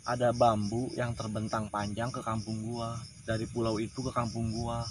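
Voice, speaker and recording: A man's voice: medium pitch, completely flat delivery, moderate pace, background noise. Man emotionally retelling an eerie experience. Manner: emotional, repetitive, slangy first-person telling. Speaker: storyteller. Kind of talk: casual spoken ghost-story retelling.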